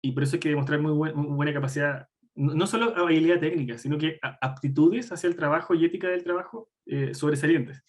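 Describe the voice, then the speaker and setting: A man's voice: fairly high pitch, fairly even intonation, quick pace. Blunt man lecturing on game careers. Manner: blunt and frank, wry asides, many fillers. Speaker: guest lecturer on game development. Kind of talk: live online talk answering audience questions.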